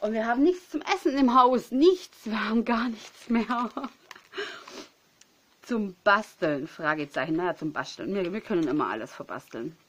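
A woman in her thirties chatting casually at home as she unboxes craft gifts, excitable and gushing, tired and sniffly with a runny nose. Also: medium pitch, measured pace, slight background noise. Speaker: crafting vlogger.

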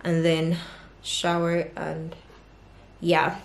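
Talking casually to a camera at arm's length, a woman in her twenties vlogs from the living room of her small furnished apartment, upbeat and rambling with fillers. Her voice is deep and monotone, with drawn-out words and vocal fry, and the background is noisy.

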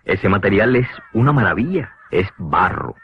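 Reading scripted narration for an educational cartoon, a man explains things didactically in a lowish, sing-song voice at a moderate pace. Clear music plays on the dull, lo-fi vintage soundtrack.

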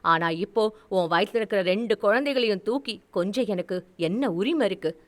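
A woman voicing a furious, heartbroken elder brother who shouts, scolds and gives orders. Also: high-pitched, lively intonation, brisk. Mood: bitter grief. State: tearful.

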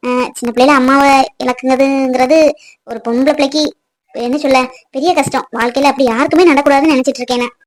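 Woman plays a sharp-tongued young village wife, rapid delivery. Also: sits high, steady tone, close to an everyday voice. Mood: sad. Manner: sharp-tongued, teasing and scolding. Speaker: wife in family skit. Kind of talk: village family drama acting.

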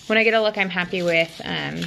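A woman talks through a hands-on craft project at an outdoor table, filming on her phone in one hand. She chats loosely, with plenty of "um"s and "like"s. Her voice sits a little low with a gravelly fry, and faint outdoor ambience hums behind her. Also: fast talker, a bit bright, slight background noise. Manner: chatty, lots of "um" and "like", light laughs. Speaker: DIY crafter. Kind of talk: casual DIY vlog narration. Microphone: phone held in one hand.

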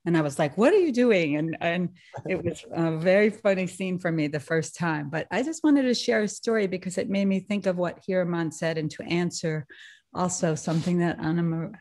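A woman's voice: lowish voice, a little fast. A woman on a video call sharing a personal story with a group, laughing often as she talks. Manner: animated, laughing often, many restarts. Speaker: satsang participant sharing a story.

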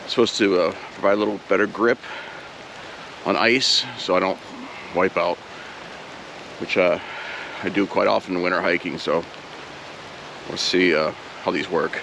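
A man's voice: low voice, fairly even intonation, moderate pace, gravelly, long pauses, background noise. A man from Ohio vlogging casually while hiking outdoors on a snowy trail, easygoing and self-deprecating, with frequent filler words.

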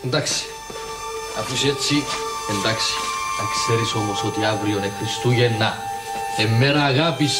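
An actor playing a cheeky young nephew who pleads and teases, with a Cypriot Greek accent. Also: male voice, mid-range voice, long pauses, loud music behind the voice, natural voice. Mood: sulky. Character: cheeky young nephew, male, wheedling for money. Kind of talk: TV sitcom acting.

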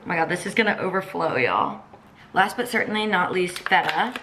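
A young woman with a twang vlogs to her camera as she moves between her home kitchen and her apartment balcony. Her voice sits a touch low, and her chat is brisk, upbeat and packed with fillers, especially "like" and "y'all". The sound is roomy, with a steady hiss of background noise underneath.

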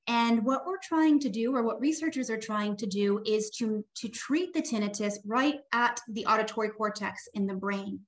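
A woman audiologist presenting on a video call webinar, explaining in a steady, informative way. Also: fairly high pitch. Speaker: audiologist and tinnitus specialist.

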